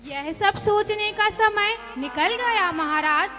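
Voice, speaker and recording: Brief: woman acting stern pandit, very high voice, slow, music clearly behind. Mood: reproachful.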